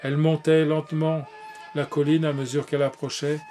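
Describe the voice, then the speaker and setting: A man narrating a classic tale in a measured way, with occasional slips and restarts. Faint music plays behind him. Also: on the high side, flat delivery, mellow. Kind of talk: reading a classic tale aloud.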